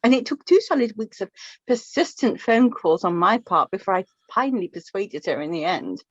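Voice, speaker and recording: In a radio play, an actress portrays a chatty, affectionate middle-aged mother of the bride who is slightly flustered, fond, and hesitant, speaking haltingly with small nervous repetitions. Her medium-pitched voice is sing-song, and the recording is dry, dull, lo-fi, and slightly muffled.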